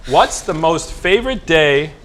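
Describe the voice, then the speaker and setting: A man's voice: a little high, animated, a little slow, a bit bright, a little hiss or hum. A man hosting a fundraising broadcast, running a playful trivia quiz with teasing jokes. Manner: jokey, teasing, exaggerated repetitions.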